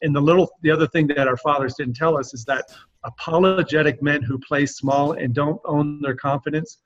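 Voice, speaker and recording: A man's voice: fairly high pitch, steady tone, brisk. A man who coaches men, talking earnestly in a casual podcast conversation. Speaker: men's coach. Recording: dull lo-fi sound.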